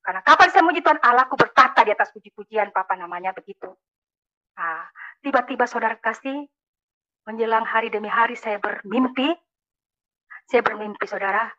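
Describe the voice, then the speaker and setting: A woman's voice: a little high, a little fast, long pauses, sharp tone, highs cut off. A woman from Makassar giving a religious conversion testimony, telling her story emphatically and often calling out to the listeners. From Makassar, Indonesia. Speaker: testimony speaker.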